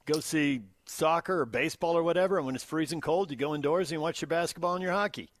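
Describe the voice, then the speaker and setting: Recorded dry on a close studio microphone in a radio studio, this American sports talk radio co-host talks fast in a slightly high voice. He banters and reads out comments using emphatic, punchy bursts.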